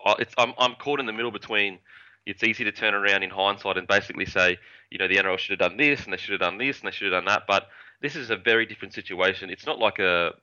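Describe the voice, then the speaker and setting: A man's voice: sits low, sharp tone. An Australian man speaking as a podcast guest in casual interview chat, on slightly dull audio.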